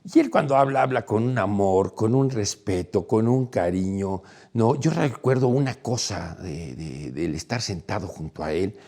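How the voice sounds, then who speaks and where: A man telling a personal story in a lively way, his voice climbing high and loud at the exciting parts. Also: moderate pace. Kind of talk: animated storytelling.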